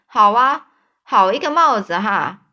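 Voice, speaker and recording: A woman's voice: mid-range voice, expressive, a little slow, pushed and bright. A woman voicing a brash boy who boasts and threatens to fight another boy in a spoken storybook retelling. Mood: defiant. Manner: taunting, bragging threats.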